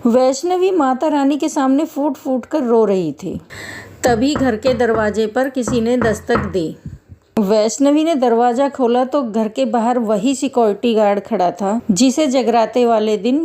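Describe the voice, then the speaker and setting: A woman narrating a devotional story in a measured, dramatic manner. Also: on the high side, mellow.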